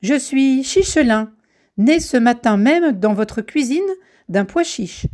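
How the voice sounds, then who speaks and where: A woman's voice: fairly high pitch, big pitch swings, takes it slowly, dark tone. A woman voicing a tiny cheerful boy, no bigger than a chickpea. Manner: cheerful, bold.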